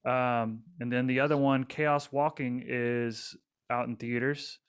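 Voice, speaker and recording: Smooth-voiced man rambling on a podcast. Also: mid-range voice, steady tone, unhurried. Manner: rambling with many fillers and restarts. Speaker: podcast co-host. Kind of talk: casual podcast chat.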